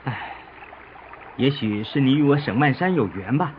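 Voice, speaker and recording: A man's voice: medium pitch, animated, normal speed, close to an everyday voice. A man playing a poor, good-hearted young fisherman in a children's audio folktale, with sighs and exclamations. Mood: resigned. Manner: sighing, exclamatory. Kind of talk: children's audio story acting. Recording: dull, noisy lo-fi recording.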